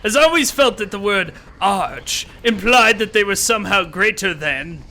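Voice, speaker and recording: A smug, self-important villain, as a man puts him on, sneers through his game commentary with hammy theatrical flair. His voice sits high and swoops widely between sarcastic lows and dramatic peaks. The tone is very bright and cutting. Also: lively intonation, moderate pace, heavily acted. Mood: sardonic. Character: pompous gloating male demon-scientist villain, self-important. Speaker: let's play host.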